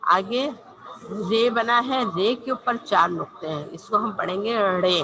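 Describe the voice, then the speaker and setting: A woman's voice: medium pitch, unhurried, noisy background. A woman teacher giving an online language lesson, patiently spelling out and repeating each letter.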